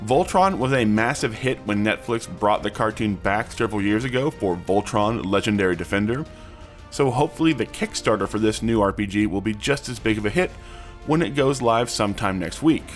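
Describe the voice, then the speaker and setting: A man's voice: lowish voice, animated, fairly quick. A man hosting and reading scripted news narration. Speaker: news host. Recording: music bed under the voice. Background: background music.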